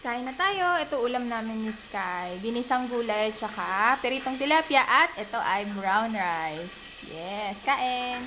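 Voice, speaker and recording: A young Filipino mother and vlogger chats casually with her viewers, calling them sisters and mixing in English, in her Filipino accent. Her voice is on the high side and expressive, unhurried with few pauses, and there is background noise. A camera on a tripod records her in her bedroom.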